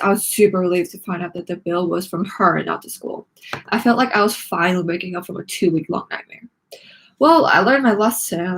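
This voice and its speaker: Reading a children's book aloud, a woman narrates the story with dramatic expression, acting out each line. Her voice is mid-range, and the audio quality is poor.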